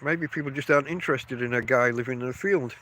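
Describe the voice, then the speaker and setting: A middle-aged podcast host with a stuffy nose from a cold rambles through a solo episode outdoors by his tent at a field camp, chatty and interrupting himself. His mid-range voice is a bit bright and he talks fast. The recording quality is low.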